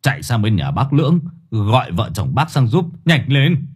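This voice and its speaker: A man's voice: mid-range voice, big pitch swings, normal speed, darkish tone, husky. A man voicing an anxious elderly village father, stammering and agitated. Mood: alarmed.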